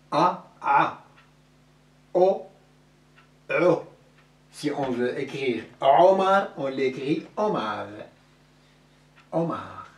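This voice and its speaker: A man teaching Arabic letters in French, speaking slowly and repeating each sound several times over. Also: a little high. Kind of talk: slow classroom-style letter lesson. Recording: echoey room, voice from a distance.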